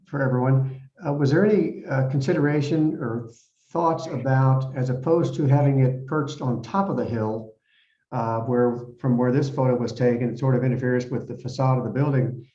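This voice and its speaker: A man's voice: mid-range voice, dark tone. A man on the zoning board asking a hesitant question over a video call, stopping often to say uh. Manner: hesitant, halting with many uhs. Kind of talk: public meeting question. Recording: roomy, muffled video call audio.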